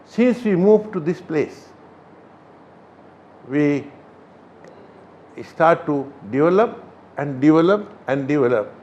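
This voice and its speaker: An older man from Sri Lanka, a Buddhist chief priest, answering interview questions in a halting way with many pauses. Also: a little high, animated, a little mellow. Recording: slightly dull recording.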